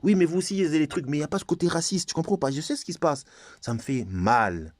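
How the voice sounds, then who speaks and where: A man's voice: a little high, lively intonation, fast talker, no room sound, studio quality. A man from Congo, ranting to camera to his viewers in a heated, insistent way and repeating himself. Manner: heated, insistent, repeats phrases, often talks straight to viewers. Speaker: YouTuber.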